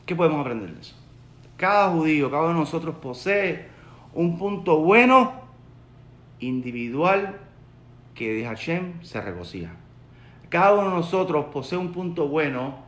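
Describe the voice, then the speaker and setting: Recorded with a roomy echo in his home study among bookshelves, this Puerto Rican rabbi in his forties teaches Torah earnestly to his webcam and repeats the main points. He speaks with a Puerto Rican Spanish accent, his pitch on the high side and very animated. The pace is normal, broken by long pauses.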